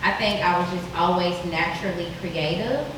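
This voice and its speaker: Woman panelist from Tennessee, relaxed, halting, heard distantly in a very reverberant room. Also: lowish voice. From Nashville, Tennessee. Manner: relaxed, hesitant with ums. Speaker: juice bar owner on a panel. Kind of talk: panel introduction and answers. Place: indoor event venue. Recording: very echoey room, distant mic, noisy.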